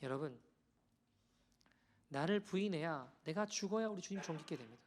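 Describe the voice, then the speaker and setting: A man preaching a sermon as pastor, conversational and animated as he tells a story to the congregation. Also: on the high side, moderate pace, a little hiss or hum. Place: church sanctuary.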